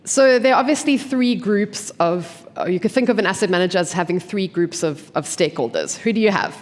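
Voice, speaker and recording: A congested investment team member gives a forum talk in a mid-range voice, speaking fairly quickly. Her explanations are clear, built around questions she poses and answers, and the conference venue lends long hall reverb.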